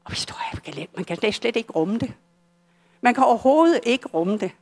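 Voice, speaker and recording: An older woman with a Danish accent telling her personal story at a church service, earnest and halting, often restarting her sentences. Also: on the high side, animated. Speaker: church testimony speaker.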